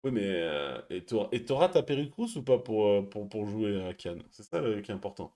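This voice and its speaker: A man hosting a stream, chatting casually and reading viewer messages, speaking quietly and laughing often. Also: fairly low pitch, lively intonation, brisk. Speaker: stream host.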